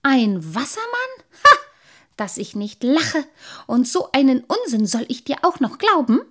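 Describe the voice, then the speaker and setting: A woman's voice: lowish voice, little pitch movement, normal speed. A woman voicing a tall, thin, stuffy man who is grumpy and scornful. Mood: mocking. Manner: scolding, huffy, scornful.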